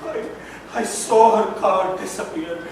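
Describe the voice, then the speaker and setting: A man's voice: sits high, steady tone, slight background noise. Man acting on an echoey stage. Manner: halting, repeating words, swinging from hushed to shouting. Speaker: stage actor playing a father. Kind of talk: amateur stage drama monologue. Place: community center stage. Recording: echoey hall, mic far from stage.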